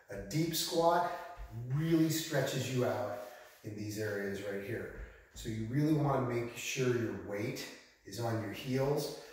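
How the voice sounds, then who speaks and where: Male fitness coach, informal and encouraging, mid-pitched, recorded at a distance with heavy hall-like echo. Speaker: fitness coach, video host. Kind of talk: casual instructional exercise talk to camera. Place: bare unfurnished room at home during floor work. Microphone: camera mic from a distance. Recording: big echoey empty-room sound, distant mic.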